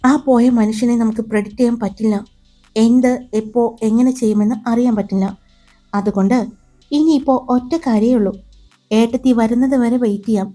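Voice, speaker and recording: A reassuring young sister-in-law in an audio love story, voiced by a woman narrator. She explains things in a confident, even way. Her voice is mellow and a little high, with soft music behind. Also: a little fast, natural voice.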